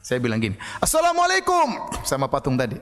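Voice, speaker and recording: A man giving a religious lecture, telling a story in a lively way and acting out the people in it. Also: fairly high pitch, fairly quick, long reverb tail. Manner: storytelling, animated, acts out quoted voices loudly. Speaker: preacher.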